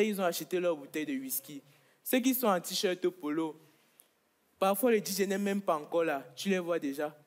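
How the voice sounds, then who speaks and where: A man from Congo performing stand-up comedy on a stage, with a playful, boastful delivery. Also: high voice. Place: comedy stage with live audience.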